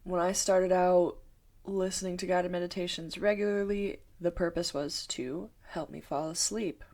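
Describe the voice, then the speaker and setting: A woman meditation teacher calmly explaining guided meditation to her viewers. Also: on the low side. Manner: slow, calm, thoughtful explaining. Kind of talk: talking-head explainer video.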